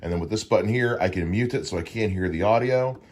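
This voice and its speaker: In his home studio, a man with a deep, low-pitched voice talks into a dynamic broadcast mic, casually walking through an unboxing of his gear like a podcast host showing off his setup. He explains things in a relaxed way, often pausing on "uh."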